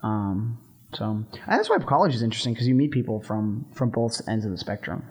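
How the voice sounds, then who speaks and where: A young Texan man co-hosts a college radio show, chatting casually and rambling with plenty of "like" fillers. His lowish voice is brisk and slightly rough, with a relaxed manner and a Texan accent.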